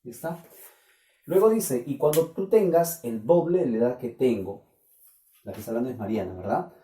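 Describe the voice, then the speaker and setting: A man's voice: medium pitch, lively intonation, moderate pace, warm tone. Peruvian man teaching math in an echoey classroom. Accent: Peruvian Spanish. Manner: questioning, keeps checking with students. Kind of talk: classroom lecture. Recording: echoey room, voice from a distance.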